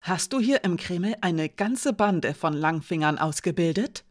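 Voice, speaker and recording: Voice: mid-range voice, expressive, measured pace, lightly acted. Narrator doing icy female commander, clipped, commanding, menacing, storybook. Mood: interrogating. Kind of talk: audiobook character voice.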